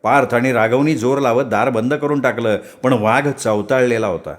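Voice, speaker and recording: A man's voice: medium pitch, moderate pace. A man narrating a story with dramatic, vivid delivery.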